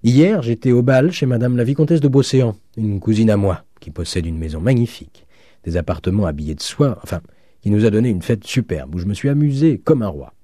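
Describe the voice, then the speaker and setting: A male narrator voicing an eager, excitable young law student in an audiobook. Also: lowish voice, a little fast, no echo, clean studio sound, pitched above the performer's own voice. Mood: excited. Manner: breathless and enthusiastic. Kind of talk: audiobook reading.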